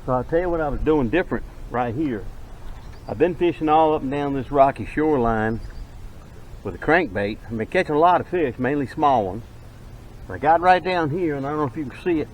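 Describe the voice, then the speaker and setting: A man's voice: a little high, lively intonation, fairly quick, slight background noise, poor audio. An older retired man, chatting casually in a folksy, plain-spoken way as he fishes and demonstrates things outdoors by a lake. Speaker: fishing vlogger.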